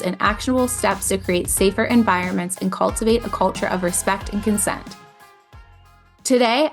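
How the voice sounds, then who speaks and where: A woman hosting a podcast, opening with a scripted intro and then talking in an articulate, measured way. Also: medium pitch. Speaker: podcast host.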